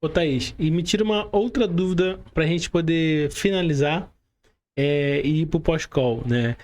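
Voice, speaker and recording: A man with a Brazilian Portuguese accent hosts a conversational podcast interview, explaining points and often seeking agreement with short tag questions. His voice is fairly high and a little mellow, with a measured pace.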